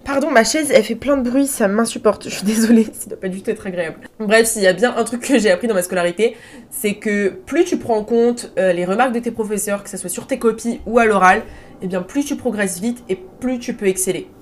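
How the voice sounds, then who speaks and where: A woman's voice: mid-range voice, brisk, slight background noise. A young woman hosting her own podcast, talking casually and informally with slang and plenty of fillers. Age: young adult. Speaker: podcast host. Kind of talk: casual solo podcast talk. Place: room at home, seated on a chair.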